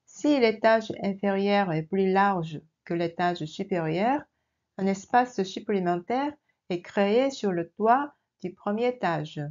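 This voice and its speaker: Woman language teacher, very slow and careful, mid pitch, slightly muffled lo-fi recording. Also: a little mellow. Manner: repeats each word slowly and clearly. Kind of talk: slow, deliberate vocabulary dictation lesson. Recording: slightly dull lo-fi sound.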